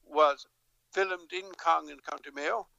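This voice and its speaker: This Dublin-born politician, a middle-aged Irishman, talks slowly in a remote interview, his voice on the high side with fairly even intonation. It sounds gravelly, bright and forceful, with frequent hesitations, restarts and a storytelling manner. There's no room sound, and the audio is lo-fi.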